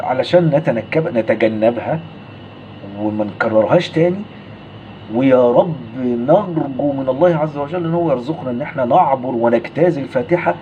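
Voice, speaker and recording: A man with an Egyptian Arabic accent giving a religious lesson on recitation. He asks the listener questions and draws out sounds slowly to contrast them. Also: medium pitch, dull audio, a little hiss or hum. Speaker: Quran recitation teacher.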